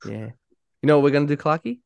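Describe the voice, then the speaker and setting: A man's voice: fairly high pitch, fast, creaky, darkish tone, dry recording, lo-fi sound. An Australian man hosting a sports podcast in casual, chatty style. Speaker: podcast host. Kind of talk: casual rugby league podcast chat.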